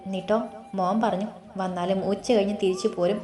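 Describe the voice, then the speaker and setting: A fussing, tender old grandmother speaks warmly down the phone, as a woman narrator reads her part. Her voice sits at an ordinary middle pitch. The room gives it a roomy echo. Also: level tone, fast talker, soft background music, close to an everyday voice. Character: worried loving old grandmother.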